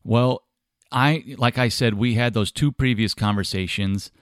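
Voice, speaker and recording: A man hosting an interview podcast, asking questions in a measured, earnest way. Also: medium pitch, dry recording, clean studio sound. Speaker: podcast host.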